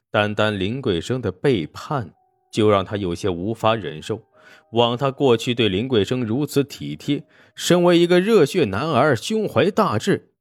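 A man reading a story aloud as narrator, in a dramatic, expressive way. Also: mid-range voice, no echo.

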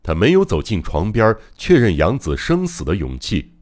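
A man's voice: on the low side, wildly swooping pitch, moderate pace, darkish tone. A man narrating a mystery novel as an audiobook, in a dramatic, suspenseful reading. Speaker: audiobook reader.

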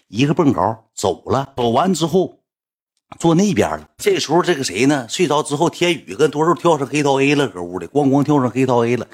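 A man with a Northeastern Chinese accent telling a rambling anecdote in a casual, animated way, breaking into mocking high-pitched rants. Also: slightly rough. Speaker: storyteller.

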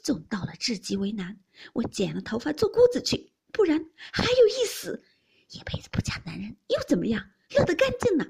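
A woman voicing a proud young maidservant who bursts out in sharp, indignant protest, with a husky, breathy voice. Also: mid-range voice, sing-song, normal speed, full character voice. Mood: defiant.

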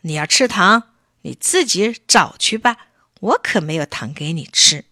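A woman's voice: fairly low pitch, lively intonation, a little slow, bright, forceful tone, dry recording, studio quality, pitched below the performer's own voice, heavily acted. A woman reading a children's storybook, voicing an old grandmother goldfish who coaxes and scolds. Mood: cross. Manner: scolding, motherly.

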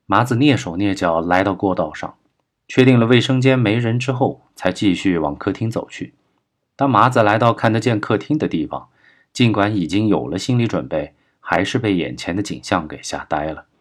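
A man narrating a crime novel as an audiobook, reading in a steady, measured way. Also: on the low side.

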